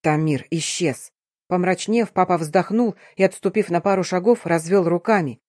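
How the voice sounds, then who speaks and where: A woman's voice: on the low side, moderate pace, darkish tone, dry recording, clean studio sound. Woman reading a story aloud. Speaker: audiobook narrator. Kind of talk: first-person audiobook narration.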